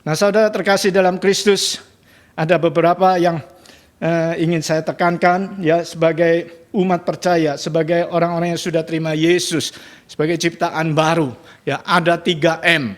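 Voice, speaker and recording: Male pastor, fairly high voice, dramatic emphatic sermon delivery. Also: level tone, moderate pace. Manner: repeatedly addresses the congregation, asks for amens; dramatic shifts in pitch and loudness when stressing points.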